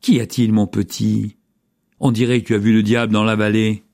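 Man reading a gentle grandfather, plain and calm. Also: fairly low pitch, normal speed, gravelly. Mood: reassuring. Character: kindly old grandfather, gentle and reassuring.

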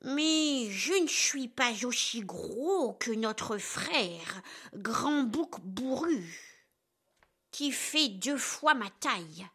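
A woman's voice: a little high, lively intonation, very slow, a bit bright, breathy edge, full character voice. A woman voicing a timid middle billy goat who pleads hesitantly, often saying "euh". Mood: pleading.

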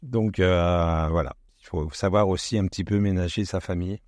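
A man on a radio show speaking calmly and steadily as a guest, pausing with fillers. His voice is fairly low, recorded close with a dry sound. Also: no room sound. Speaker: event organizer guest. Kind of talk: casual radio interview.

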